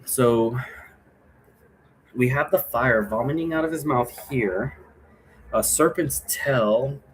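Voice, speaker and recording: A man takes it slowly as he hosts an occult divination tutorial, his medium-pitched voice coming through a rough recording with a little hiss or hum. His manner is casual, rambling and repetitive, with frequent check-ins with viewers.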